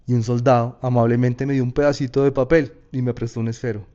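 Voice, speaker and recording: A man with a Colombian Paisa accent telling a personal story in a casual, slangy, lively way. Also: medium pitch, fast talker, highs cut off. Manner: casual, slangy, animated retelling.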